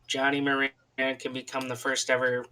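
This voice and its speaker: Bright and pushed yet completely flat in delivery, a man with a medium-pitched voice talks fairly quickly as co-host of a wrestling podcast. He gives casual sponsor patter and banter, calling listeners folks, and a little hiss or hum sits in the recording.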